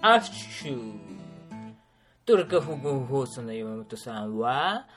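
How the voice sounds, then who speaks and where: Playful storyteller with lively pitch. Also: measured pace, faint music behind. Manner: playful, punning, adds sound effects. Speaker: tour organizer recounting a trip. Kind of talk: casual spoken trip recap.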